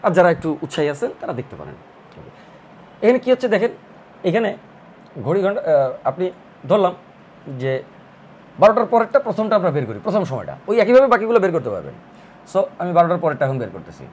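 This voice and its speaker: A man tutoring math, working through a problem slowly and step by step, thinking aloud as he draws. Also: sits high, sing-song, a little mellow, a little hiss or hum. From Bangladesh. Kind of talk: recorded math lesson.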